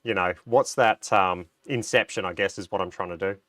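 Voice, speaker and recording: A man's voice: low-pitched, normal speed, bright, forceful tone, no echo, clean studio sound. A middle-aged Australian man hosting a casual livestream, a little nasal from a cold, chatting and reading out viewer comments with plenty of ums and restarts. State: recovering from a cold, a bit nasal. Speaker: livestream host.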